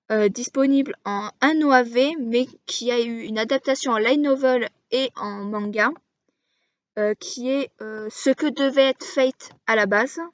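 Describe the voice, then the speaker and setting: A woman casually explaining to camera as an anime video creator, halting and pausing often as she works through a list. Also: sits high, dry recording. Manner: halting, frequent hesitations while listing titles. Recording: dull lo-fi dry recording.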